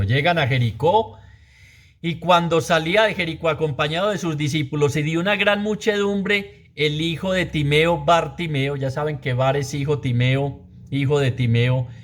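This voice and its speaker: A man's voice: medium pitch, darkish tone. A man preaching a sermon, repeating phrases for emphasis and asking the audience rhetorical questions.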